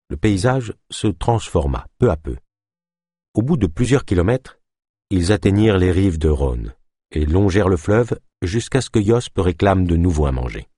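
Audiobook narrator, male: low, husky, very expressive, dry close mic. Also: no echo.

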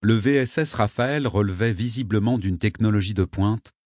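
A man giving a steady, measured scripted narration of an audiobook. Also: lowish voice, no room sound, clean studio sound.

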